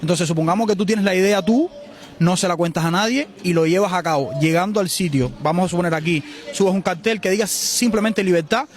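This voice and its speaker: A man in his twenties with a Cuban Spanish accent, answering a street interview outdoors in a city in a forceful, outspoken way. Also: high voice, fairly quick. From Cuba. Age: 20s.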